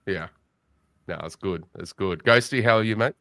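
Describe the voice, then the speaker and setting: A man's voice: on the low side, normal speed, dry recording, clean studio sound. A young Australian man hosting a casual late-night fantasy football chat, joking and bantering with his guests. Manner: joking, banter-heavy, excitable. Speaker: podcast host.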